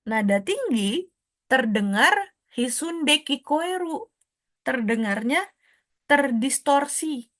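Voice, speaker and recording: A woman tutor giving an explanatory lesson, stepping through technical terms and glossing each one, with frequent soft tag questions. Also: sits high, lively intonation, slow, dry recording, studio quality. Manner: explains step by step, drops in foreign technical terms and glosses them. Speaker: exam prep tutor.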